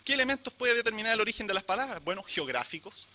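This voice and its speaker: This Chilean academic lectures before a live crowd, asking rhetorical questions and engaging the people listening. His voice sits high with a sharp, expressive tone, and he speaks fast.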